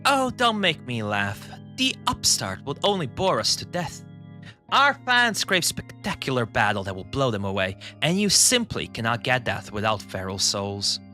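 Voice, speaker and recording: A man's voice: mid-range voice, wildly swooping pitch, normal speed, sharp tone, soft background music, voice pushed down. A man voicing a haughty female dominatrix fighter from a game, reading her lines in a sultry, teasing way. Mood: scornful.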